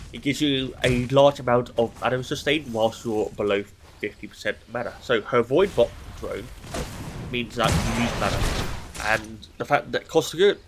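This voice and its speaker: There's a little hiss or hum behind this medium-pitched, somewhat bright male voice. Congested from hay fever, the man casually analyzes a recorded esports match by himself, thinking out loud.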